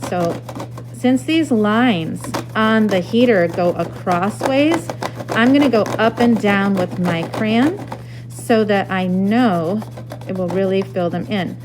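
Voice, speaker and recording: A woman art teacher giving young children a craft lesson in a bright, upbeat kids' presenter manner, explaining step by step and checking in with simple questions. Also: medium pitch, slow, music in the background. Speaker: elementary school art teacher. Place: indoors in school stairwell and hallway.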